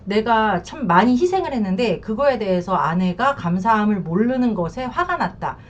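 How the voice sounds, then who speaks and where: A woman's voice: mid-range voice, lively intonation, normal speed, muffled recording. A woman counselor giving frank, blunt advice on marriage after infidelity. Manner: frank, blunt, acts out quotes. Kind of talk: advice talk to camera.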